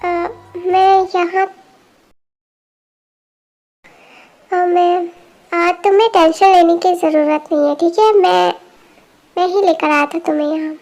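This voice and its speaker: A woman voicing a calm, caring young man in an amateur fan dub, with a gentle, reassuring manner. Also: very high voice, measured pace, faint music behind. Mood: concerned.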